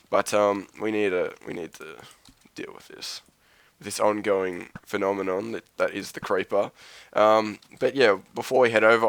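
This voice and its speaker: A man's voice: on the low side, fairly bright tone, smooth, dry recording. A man with a sick voice giving casual, rambling commentary over his gameplay, swearing and poking fun at himself. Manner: rambling, profane, self-mocking. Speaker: Let's Play host.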